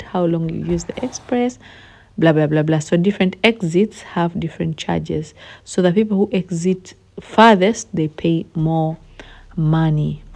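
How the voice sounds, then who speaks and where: Woman, young adult, travel vlogger, lowish warm voice, chatty, filmed on a phone in a car. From Uganda. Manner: chatty and expressive, addresses viewers directly. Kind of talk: casual travel vlog. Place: inside a car on a city expressway.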